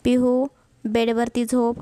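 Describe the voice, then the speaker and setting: A woman's voice: on the high side, completely flat delivery, slow, mellow, clear, resonant tone, dry recording. A woman voicing a strict young husband who speaks in a firm, commanding way. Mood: stern.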